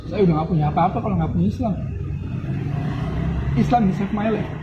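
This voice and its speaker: A man's voice: high voice, fairly quick. A young man telling his own story to an interviewer in an earnest, emotional way. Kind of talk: casual personal story told to an interviewer. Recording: muffled lo-fi recording with audible noise.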